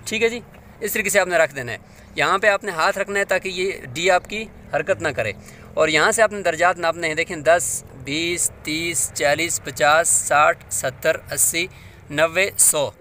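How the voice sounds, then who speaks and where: A man's voice: a little high, moderate pace, bright, forceful tone, a little hiss or hum. A man teaching a hands-on demonstration, patient and step by step, often asking his listeners to check along.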